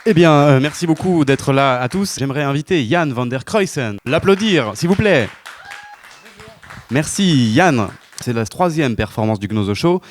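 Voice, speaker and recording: A man hosting a live stage show with formal, deadpan announcements that often turn half-sung. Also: medium pitch, normal speed, slight background noise. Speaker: host.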